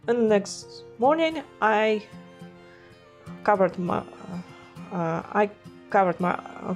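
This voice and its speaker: Congested with a cold, a woman vlogger chats about her art in a mid-range, slightly mellow voice. Russian is her first language, and her casual narration stumbles along with frequent fillers, hesitations and restarts.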